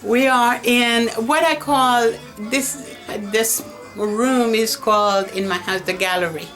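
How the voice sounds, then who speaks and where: A woman's voice: a little high, steady tone, slow, a bit bright, rough recording. An older woman from Haiti, an artist and volunteer, chatting in an interview and often restarting her phrases. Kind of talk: casual interview. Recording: music playing behind.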